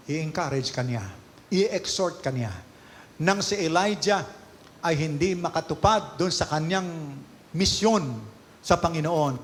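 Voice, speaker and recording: A man preaching a sermon, mixing Filipino and English, with sudden loud emphatic rises in his delivery. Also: medium pitch. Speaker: pastor. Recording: long hall reverb, faint noise.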